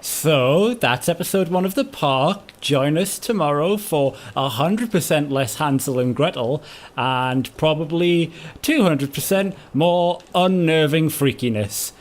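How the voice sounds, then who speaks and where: A man's voice: on the high side, measured pace. A man hosting a let's-play, talking in a sarcastic, rambling, sweary way. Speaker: gaming channel host. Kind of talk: casual let's-play commentary.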